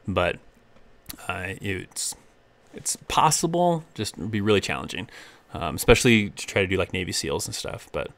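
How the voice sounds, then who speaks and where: A man's voice: lowish voice, fairly bright tone, no room sound. A young man hosting a casual live-stream Q&A, reading viewer questions aloud and rambling through answers with easy laughs.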